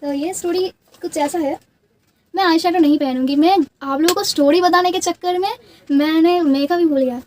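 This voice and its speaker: A woman's voice: very high voice, moderate pace, a little mellow. A young woman with a Bengali accent, a native Bengali speaker, telling childhood stories in casual chat while doing her makeup, rambling with many restarts. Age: young adult. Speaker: beauty vlogger.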